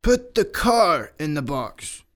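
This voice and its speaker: A man voicing a big, teasing bear in a children's story, speaking slowly and low in a teasing way. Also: sing-song, noisy background. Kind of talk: children's English-lesson story.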